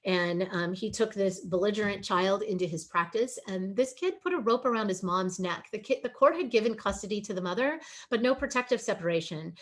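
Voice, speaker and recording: A woman's voice: mid-range voice, animated, brisk, hardly any pauses. A woman giving an earnest, pleading webinar presentation over a video call. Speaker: guest speaker on a webinar. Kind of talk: emotional presentation.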